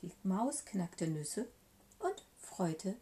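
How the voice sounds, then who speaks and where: A woman reading a rhyming children's story aloud in an expressive, rhythmic way. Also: mid-range voice, extremely slow, a little hiss or hum.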